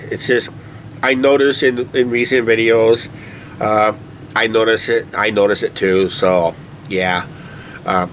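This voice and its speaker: Slight background noise accompanies this fairly low-pitched man, a vlog co-host with a blocked nose. He's out by a shed at night with a beer, chatting casually to a camera on a tripod and wandering through his points with lots of "uh, basically."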